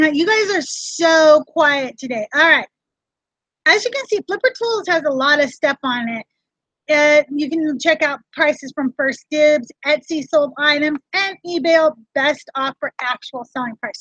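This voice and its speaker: High-voiced chatty woman vlogger. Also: fairly bright tone, no echo. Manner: chatty, talks straight to viewers in chat. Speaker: reseller vlog host. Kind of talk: casual livestream tutorial. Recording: dull lo-fi dry sound.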